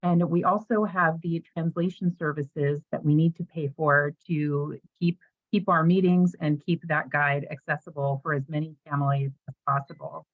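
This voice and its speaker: A woman's voice: deep voice, steady tone, normal speed, no echo. A woman volunteer making an earnest appeal at an online membership meeting, her audio cutting in and out with uneven volume over a computer microphone. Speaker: parent group fundraising volunteer. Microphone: computer microphone on a video call. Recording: dull, dry lo-fi computer audio.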